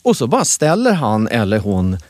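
A man's voice: mid-range voice, wildly swooping pitch, no room sound, studio quality. A man co-hosting a podcast, teasing his partner in casual chat. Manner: teasing, bursts into shouting impressions. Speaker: podcast co-host.

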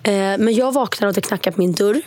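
A woman casually telling a story, animated and acting out the people in it. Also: mid-range voice, no echo. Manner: animated, quotes people in lively voices. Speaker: storyteller guest.

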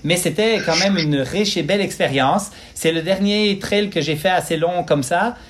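A man's voice: high-pitched, normal speed. A middle-aged man with a Québécois accent, telling his story as an interview guest in a rambling, filler-heavy way. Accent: Québécois French. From Quebec, Canada. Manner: rambling, many fillers and restarts, self-deprecating. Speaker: guest, physiotherapist and clinic founder.

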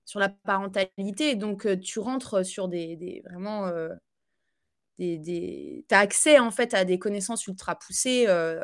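Chatty French-speaking woman, halting. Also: mid-range voice. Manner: chatty, halting, with many fillers and restarts; laughs easily. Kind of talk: casual conversational interview.

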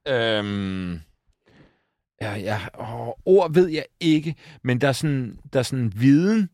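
A man's voice: mid-range voice, animated, darkish tone, dry recording, clean studio sound. Casual man chatting on a podcast. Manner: rambling, self-correcting, fond of his son. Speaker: podcast co-host. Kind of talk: casual chat.

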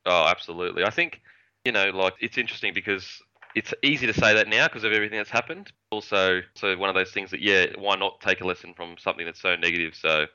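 A man's voice: sits low, quick pace, sharp tone, clean tone. An Australian man speaking as a podcast guest in casual interview chat, on slightly dull audio.

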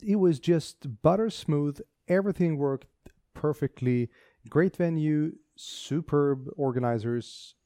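Enthusiastic man with a mellow voice. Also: a little high, slow, no echo, studio quality. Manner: enthusiastic, rambling with restarts. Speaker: podcast co-host. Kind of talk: casual tech podcast chat.

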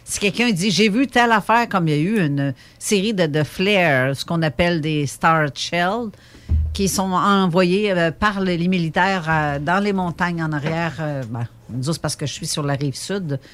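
A woman's voice: fairly low pitch, normal speed. A woman with a Québécois French accent, co-hosting a podcast in a chatty, teasing way. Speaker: podcast co-host. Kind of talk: casual chat.

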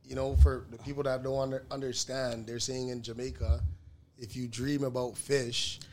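A man's voice: mid-range voice, flat delivery, moderate pace, a little mellow, a little hiss or hum. A man co-hosting a casual podcast, talking in argumentative, slangy banter with friends. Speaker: podcast co-host.

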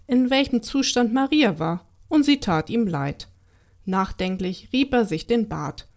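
Woman reading a children's story. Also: mid-range voice. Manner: calm, expressive storytelling. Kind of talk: children's story read aloud.

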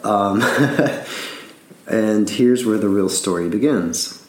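A man's voice: fairly low pitch, extremely slow, roomy sound. Laughing Southern man telling a story. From Alabama. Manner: rambling, repeats words, laughs often. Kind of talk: casual storytelling.

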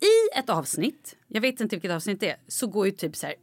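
A woman co-hosting a casual podcast, an animated storyteller who acts out quotes with big jumps in her voice. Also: mid-range voice, dry recording, studio quality. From Sweden. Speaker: podcast co-host. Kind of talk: casual chat.

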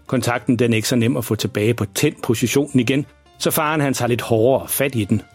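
A man narrating a children's audio story in a calm, even storytelling manner. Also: mid-range voice, breathy edge, faint music behind.

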